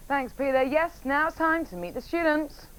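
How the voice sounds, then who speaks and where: A woman's voice: high voice, animated, moderate pace, low-quality recording. A young woman co-hosting live breakfast television in a bubbly, enthusiastic manner. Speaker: breakfast TV co-host.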